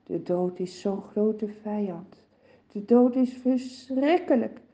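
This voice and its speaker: A woman narrating a children's Bible story gently and expressively, with soft sighs. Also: mid-range voice, slow, lo-fi sound.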